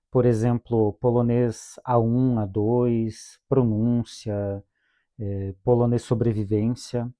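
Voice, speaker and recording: Slow, mellow Brazilian man teaching. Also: medium pitch. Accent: Brazilian Portuguese. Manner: slow, patient, repeats each word twice for learners. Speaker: language teacher. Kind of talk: calm lesson with repeated vocabulary drills.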